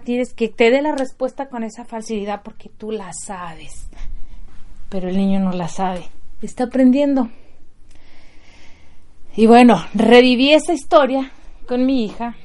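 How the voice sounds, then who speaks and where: Middle-aged woman, fairly high voice, earnest motivational talk to mothers, chatty with the room. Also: moderate pace, long pauses, darkish tone. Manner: earnest, conversational, checks in with the audience. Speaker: speaker addressing mothers.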